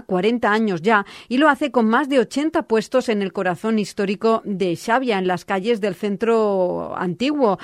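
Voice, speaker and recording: A woman from Spain reads local radio news from a script in a steady, clear voice. Her pitch sits in the middle range. The sound is dry and close, with no room around it. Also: no room sound. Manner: steady, clear newsreader delivery.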